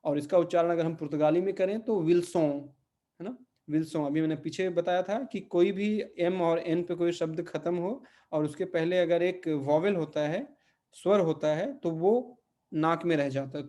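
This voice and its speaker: A man teaching a Portuguese pronunciation lesson, repeating each word slowly and checking in with his listeners. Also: a little high, warm tone. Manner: patient, repeats words slowly and checks with "ठीक है?". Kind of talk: spoken language lesson.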